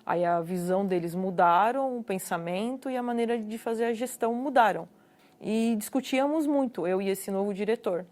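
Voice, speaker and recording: A Brazilian woman with a Brazilian Portuguese accent shares her personal testimony as a guest, speaking earnestly and repeating words for emphasis. Her voice is fairly high with a darkish tone.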